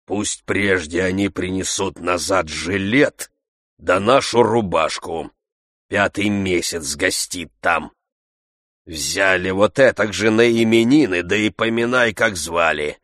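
A man's voice: low-pitched, fairly bright tone, no echo, studio quality. A man doing a stubborn grumbling old servant. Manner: gruff, stubborn, slow.

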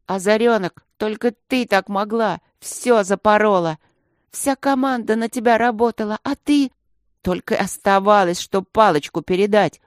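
A woman doing a loud, scolding teen teammate. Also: mid-range voice, normal speed, dry recording, clean studio sound, lightly acted. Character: reproachful teenage teammate.

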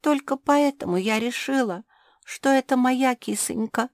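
A woman's voice: sits high, a little slow, no room sound, studio quality, voice pushed up. A woman voicing a timid young female spitz dog in a children's audiobook, speaking in a trembling, tearful way. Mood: apologetic.

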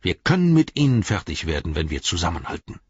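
A man voicing a sturdy, plain-spoken male hobbit farmer who explains matter-of-factly in a deep, husky voice. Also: very animated, fast talker, no room sound, full character voice. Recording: dry, slightly dull studio sound.

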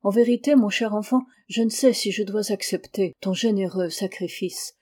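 A woman reading the lines of an aging male factory owner who is proud and anxious, in a soft, lowered voice. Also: normal speed, close to an everyday voice. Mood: troubled.

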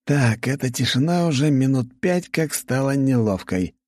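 A wry young aristocrat who jokes his way out of everything, his voice raised and lively, as a male narrator puts him on. The tone stays dark and the sound dry. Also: medium pitch, normal speed, dry recording, voice pushed up, natural voice. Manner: wry, joking.

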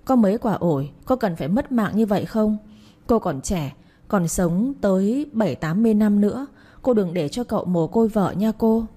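A woman's voice: medium pitch, lively intonation, normal speed, mellow, slightly rough. A woman voicing a timid young maidservant who wails and pleads with her master. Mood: wailing. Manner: wailing, pleading.

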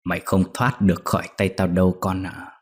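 A man's voice: sits low, level tone, fairly quick, lightly acted. Man playing a leering, menacing old master. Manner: sly, gloating, threatening.

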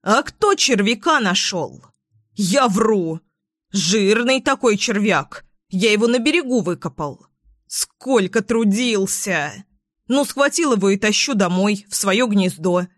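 A woman's voice: mid-range voice, expressive, slow pace, dry recording, clean studio sound. Furious little sparrow, as a woman reads him. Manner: angry shouting, indignant complaining. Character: hot-tempered male sparrow, shouting in fury.

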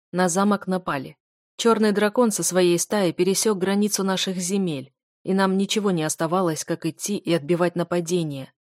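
Woman as grave, bitter husband; slow, heavy, dry close sound. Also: lowish voice, a little mellow, no echo, natural voice. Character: stern grieving husband, a dragon lord.

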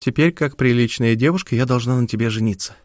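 A man's voice: mid-range voice, quick pace, a little mellow, no room sound, clean studio sound, lightly acted. A man voicing a teasing, playful young woman in an audiobook. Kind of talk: scripted audiobook character acting.

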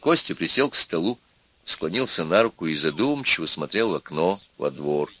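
Man narrating audiobook, lively pitch, bright tone, dry close sound. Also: moderate pace, dry recording. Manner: expressive, vivid reading. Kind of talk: scripted narration.

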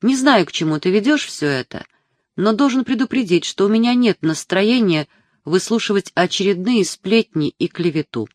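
Narrator putting on a grumpy older dad, short and firm, audiobook style, medium pitch. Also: lively intonation, moderate pace, dry recording, studio quality, close to an everyday voice. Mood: irritated. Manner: curt, firm. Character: stern aging father, irritated. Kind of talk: audiobook character reading.

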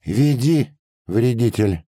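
A man voicing a heavyset army sub-lieutenant with a high, almost womanly voice, barking curt orders. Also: expressive, slow pace, darkish tone, dry recording, studio quality. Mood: commanding.

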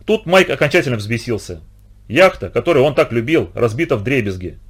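A man reading a first-person adventure novel aloud as an audiobook narrator, in an expressive, dramatic way. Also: medium pitch, a little fast, husky.

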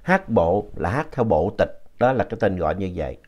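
A man narrating a ghost story in a slow, retelling manner. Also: low voice, sing-song, a little mellow, muffled recording.

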